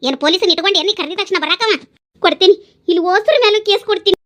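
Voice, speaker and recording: A woman voicing brash, foul-mouthed village women in a cartoon, hurling insults in a North Karnataka Kannada accent. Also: fairly bright tone. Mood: furious. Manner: shrill, scolding, rapid-fire insults. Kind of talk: cartoon voice acting.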